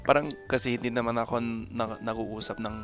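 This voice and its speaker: A man in his twenties from Canada chatting casually in choppy, deliberate phrases, with a non-native Tagalog accent. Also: mid-range voice, little pitch movement, a bit bright, faint music behind. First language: English. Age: 20s. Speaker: video maker talking with strangers online. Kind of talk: casual chat.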